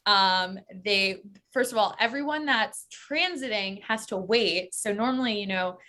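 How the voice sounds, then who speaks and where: American woman, travel-expert guest; casual, filler-heavy chat, bright timbre. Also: mid-range voice, a little slow. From United States. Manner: chatty, many fillers like "like" and "um".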